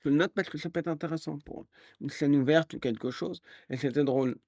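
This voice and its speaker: A man streaming live, telling a rambling story in a casual, animated way and acting out the people he quotes. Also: fairly high pitch, fairly quick, dry recording, studio quality. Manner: animated, acts out quoted voices; rambling with restarts and fillers.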